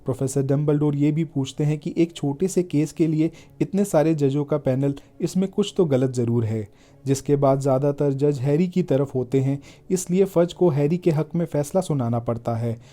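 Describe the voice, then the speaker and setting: Deep, dark-voiced male narrator. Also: moderate pace. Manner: steady, even storytelling delivery. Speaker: film recap narrator. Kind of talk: scripted narration.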